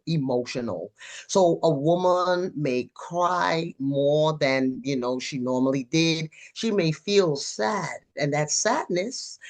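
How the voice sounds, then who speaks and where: A woman therapist as an interview guest, explaining things patiently in a measured way. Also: sits low.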